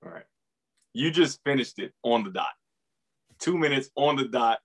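A man's voice: mid-range voice, animated, a little slow. A man hosting a casual sports interview, informal and affirming, repeating himself for emphasis. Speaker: podcast host.

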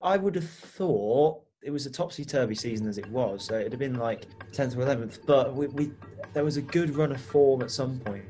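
A man chats as a podcast guest, self-deprecating and full of hedges. His voice sits at a middle pitch, with faint music underneath. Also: moderate pace, mellow. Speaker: podcast guest, football club insider. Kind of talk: casual chat.

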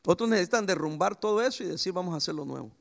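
Male pastor, high gravelly voice, very lively swings in pitch, preaching with homely stories. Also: racing. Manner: lively preaching with sudden pitch jumps and anecdotes. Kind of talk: sermon.

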